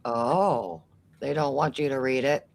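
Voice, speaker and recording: A woman co-hosting a casual live stream, reading out chat messages and tossing in quick exclamations and jokes. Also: rumbling low, vocal fry, darkish tone. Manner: chatty, quick to exclaim, jokey asides.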